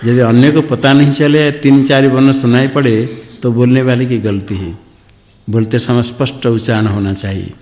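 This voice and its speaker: A swami teaching scripture, chanting verses and then explaining them plainly, repeating points about clear pronunciation. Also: male voice, mid-range voice, fairly even intonation, moderate pace, darkish tone, in a large hall.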